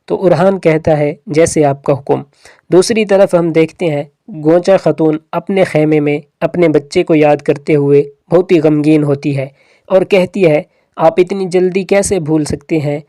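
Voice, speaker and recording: A narrator steadily recounting a drama episode, folding the characters' dialogue into the retelling as plain quotes. The voice is mellow and soft-edged, recorded close and dry with no room sound. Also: mid-range voice, fairly even intonation, no room sound. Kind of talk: plot recap narration.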